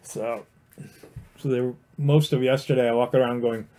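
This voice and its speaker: A man with a mid-range, warm voice teaches watercolor on a casual livestream, his intonation fairly even and his pace moderate, though the audio is poor. He paints at a studio desk under an overhead camera, rambling plainly and encouragingly with lots of fillers and restarts.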